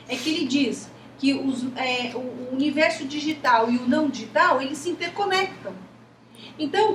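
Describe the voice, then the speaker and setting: A Brazilian Portuguese-accented woman lectures a class with a high voice, often pausing on rhetorical "isn't it?" questions. She is recorded from a distance in an echoey room, with faint noise behind her. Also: fairly bright tone. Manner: talkative, repeats rhetorical questions. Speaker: teacher.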